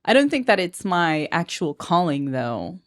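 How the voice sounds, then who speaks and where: A woman's voice: fairly low pitch, sing-song, unhurried. A woman in her thirties, a mother and music teacher, co-hosting a family podcast in a giggly, self-conscious, teasing way. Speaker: podcast co-host. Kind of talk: casual chat.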